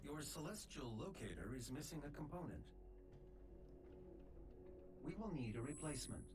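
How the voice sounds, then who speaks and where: An actor voicing a calm male artificial intelligence assistant in a video game, giving even, measured reports. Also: a little high.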